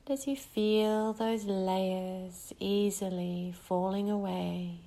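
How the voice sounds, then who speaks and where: A woman leading a guided breathing meditation, speaking in a slow, soothing way with long pauses between phrases. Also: medium pitch, fairly even intonation, warm tone.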